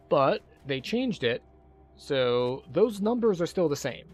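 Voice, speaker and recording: A man's voice: mid-range voice, darkish tone. A man giving casual commentary while he plays a video game. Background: game music.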